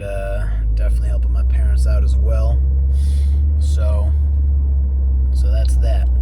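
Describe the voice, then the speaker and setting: A man talking casually to his video diary in a candid, rambling, self-coaching way, with some mild swearing. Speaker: vlogger. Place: in a car on the road. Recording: rumbling car and street noise. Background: vehicle rumble, street noise.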